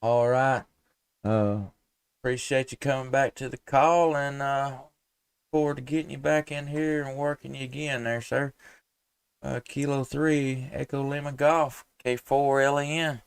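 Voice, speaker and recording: On a live stream, an amateur radio operator from southern Middle Tennessee calls out and chats with contacts, folksy and polite, using radio lingo and spelling out call signs. He has a mid-range, gravelly, resonant voice that's clear and echo-free, with fairly even intonation and an unhurried pace.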